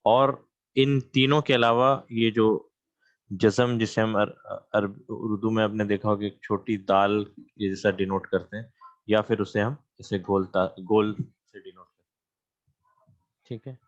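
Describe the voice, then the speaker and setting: A man with a lowish voice and little pitch movement teaches Arabic grammar in an online class, sharing his screen and speaking through a computer mic on a video call. He patiently repeats terms and checks in with his students. The sound is lo-fi, with no room sound.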